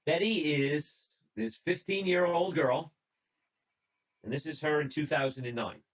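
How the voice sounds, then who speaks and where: A man's voice: fairly high pitch, measured pace, rough recording. Conversational man presenting over a video call. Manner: conversational storytelling, reading out notes, small restarts. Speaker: presenter at a radio club talk. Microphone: computer mic on a video call.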